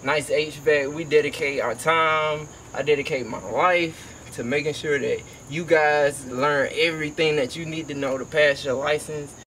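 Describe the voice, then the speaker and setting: The speaker is a young adult HVAC technician and vlogger from Georgia, USA, delivering casual motivational talk full of slang outdoors near a house. His fairly high voice is steady and a bit bright at a moderate pace, and he speaks emphatically. The recording is rough, with slight background noise.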